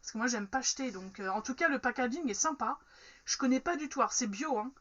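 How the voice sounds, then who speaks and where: A woman's voice: on the high side, fast, a bit bright, dull audio. Chatty woman with a dullish recording. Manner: chatty, frank, lots of fillers. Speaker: unboxing vlogger. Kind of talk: casual unboxing chat.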